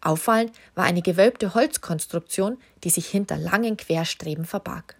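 A woman narrating a children's story, calm and expressive in her reading. Her voice is low for a woman, with a husky, breathy edge. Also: normal speed.

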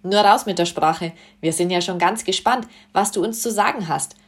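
A woman's voice: mid-range voice, moderate pace, natural voice. Woman reading a kindly, encouraging king, storybook. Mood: friendly. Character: friendly old male king, warm and eager.

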